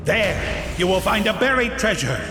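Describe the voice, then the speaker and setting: An imperious genie, very high-pitched and wildly swooping. He scolds and commands in theatrical bellows, like a storybook cartoon spirit. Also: sing-song, normal speed, over music. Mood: grand, commanding. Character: loud bossy male genie in a dream, imperious and scolding. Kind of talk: animated storybook acting.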